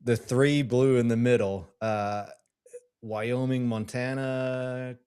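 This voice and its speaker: A man's voice: medium pitch, steady tone, slow, a little mellow, clear, resonant tone. A man from Scotland co-hosting a podcast, asking questions in a casual, self-deprecating way. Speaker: podcast co-host. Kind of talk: casual chat.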